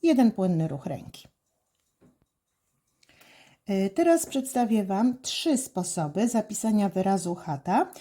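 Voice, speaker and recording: Calm, deliberate woman teaching handwriting. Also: medium pitch. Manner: calm, deliberate, many "e" fillers. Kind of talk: slow step-by-step instruction.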